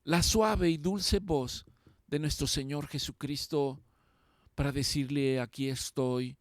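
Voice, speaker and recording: Male pastor, high and slow, fervent emphatic preaching, dry close mic. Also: dry recording. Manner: impassioned preaching, slow and emphatic with repeated phrases. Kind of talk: sermon.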